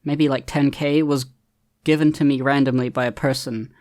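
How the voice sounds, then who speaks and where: A man's voice: mid-range voice, level tone, normal speed, darkish tone. Laid-back male gamer narrating his own play, meandering, lots of ums, lightly self-mocking. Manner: rambling, hesitant, many ums and restarts. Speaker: gaming video creator. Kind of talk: casual gameplay commentary.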